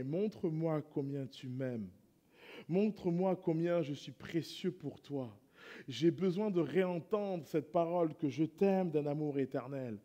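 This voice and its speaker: A man pastor preaching a sermon in church, moving between hushed prayerful passages and loud impassioned appeals. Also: medium pitch.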